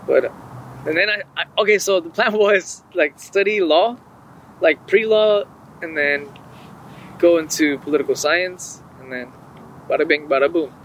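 A man's voice: fairly high pitch, normal speed, a bit bright, a little hiss or hum, poor audio. A young man in casual podcast chat, talking like a frat bro with plenty of swearing and slang. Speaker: podcast host.

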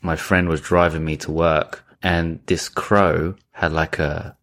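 Brief: deep-voiced man, co-host, easygoing conversational talker. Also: little pitch movement, slow, fairly bright tone. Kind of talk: casual chat.

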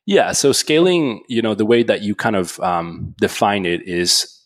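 Man, from Switzerland, podcast guest, low voice, dry close sound, chatty with lots of fillers. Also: a little slow, no room sound. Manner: animated storytelling, frequent "like" and restarts. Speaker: guest entrepreneur. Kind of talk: casual podcast interview.

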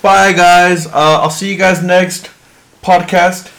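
Male podcast co-host, fairly high voice, informal conversational delivery. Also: flat delivery, slow, a bit bright. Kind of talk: casual chat.

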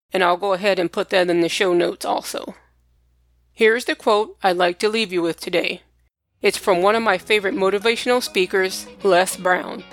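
A woman presents a podcast in a mid-pitched voice. She talks plainly and directly to her listeners, as if from prepared notes. The sound is close and dry, with very little room. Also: a bit bright, no room sound. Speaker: podcast host. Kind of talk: personal podcast talk to listeners, partly scripted.

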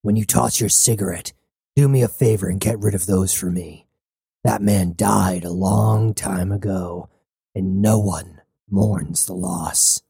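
A man voicing a hulking male cyborg captain, a menacing former mercenary with a gravelly, growling voice. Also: low voice, fairly even intonation, mellow, no room sound, studio quality, pitched below the performer's own voice, full character voice. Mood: grim. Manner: slow, grim and threatening. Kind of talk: audiobook character voice.

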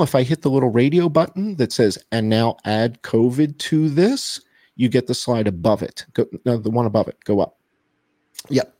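Guest man heard over a video call, husky gravelly voice, lively emphatic delivery, dry sound. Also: medium pitch, no echo. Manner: emphatic, repeats key points. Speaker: guest presenting data. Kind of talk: explanatory interview talk.

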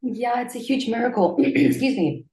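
A woman as an interview guest, telling a personal story casually with many fillers and jumping high when quoting herself. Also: animated, a little fast, a little mellow, roomy sound, poor audio.

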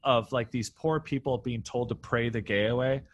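A man chatting as a guest on a podcast, talking in a loose, animated ramble. He restarts his sentences often and jumps from one idea to the next. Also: mid-range voice, normal speed, muffled recording. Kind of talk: casual podcast chat. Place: room near a railway line.

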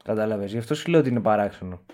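A young man co-hosting a podcast, relaxed and joking as he speculates. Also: lowish voice. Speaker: podcast co-host. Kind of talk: casual podcast discussion.

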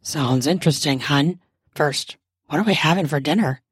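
A woman voicing a grown man, an eager and flirtatious husband, in a low, slow, seductive murmur during a read-aloud erotic story. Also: slightly rough, no room sound, clean studio sound. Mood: flirty.

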